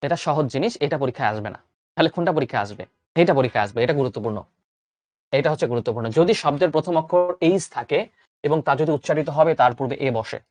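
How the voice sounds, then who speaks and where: Young tutor, coaxing and dry. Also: male voice, a little high, rapid-fire, no echo. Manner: lively, coaxing, asks and answers own questions. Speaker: admission exam tutor. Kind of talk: online grammar lesson.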